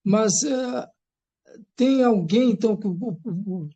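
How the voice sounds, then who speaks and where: A man asking a question in a live-stream church Q&A, halting and restarting his sentences often. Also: sits high, dark tone, breathy edge, dull audio.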